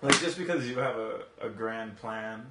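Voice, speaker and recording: A man's voice: fairly low pitch, moderate pace, roomy sound, heavy background noise. A man hosting a casual podcast conversation in a home office, swearing casually and laughing often. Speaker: podcast host.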